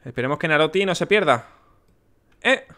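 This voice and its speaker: A man's voice: on the high side, expressive, normal speed, bright, forceful tone. Chatty Spanish man narrating a game. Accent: Spain. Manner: chatty, muttering to himself and to game characters. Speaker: let's play host. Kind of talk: casual gameplay commentary.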